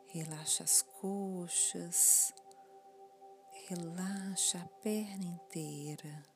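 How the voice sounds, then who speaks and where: A woman guiding a relaxation body scan in a soft, often whispered, soothing voice. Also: deep voice. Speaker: meditation guide.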